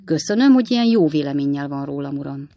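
A woman voicing a cheeky, quick-witted young male servant who teases with mock innocence. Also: sits low, animated, warm tone, no room sound. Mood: teasing.

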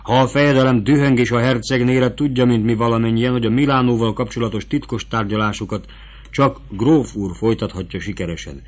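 A man's voice: mid-range voice, fairly even intonation, lightly acted. A man reading as a fawning, scheming court prosecutor. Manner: wheedling and eager to bargain.

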